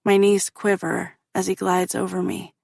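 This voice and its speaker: A woman reading a first-person romance audiobook in a slow, intimate way. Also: medium pitch, completely flat delivery, creaky, darkish tone, no room sound, clean studio sound. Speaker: audiobook narrator.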